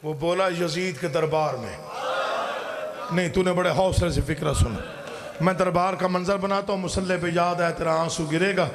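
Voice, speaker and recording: A middle-aged man, chanting a mourning sermon from a pulpit in a sung, wailing style that rises to shouts. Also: sits high, fairly even intonation, crowd noise. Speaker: zakir reciting at a mourning gathering. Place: mourning assembly, speaking from a pulpit.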